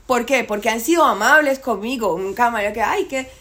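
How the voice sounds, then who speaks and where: A woman's voice: on the high side, fairly quick, a bit bright. A woman talking insistently in a casual debate, repeating herself to drive points home.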